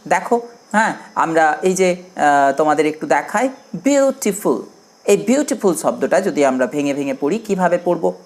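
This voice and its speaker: A woman's voice: sits low, lively intonation, moderate pace, a little mellow. A woman teaching an English lesson to young children, spelling out words letter by letter. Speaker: primary school teacher.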